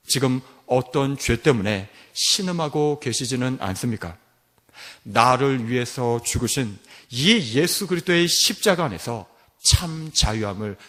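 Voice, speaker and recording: A man's voice: medium pitch, a bit bright. A man preaching a sermon as pastor, asking rhetorical questions and rising to emphatic peaks. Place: church sanctuary. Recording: long hall reverb.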